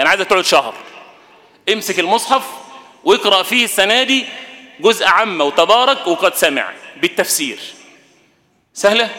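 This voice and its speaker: A man's voice: high voice, sharp tone. A man preaching a Ramadan talk in a mosque with an Egyptian Arabic accent, speaking colloquially and asking the audience questions. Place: mosque hall. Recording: reverberant mosque hall.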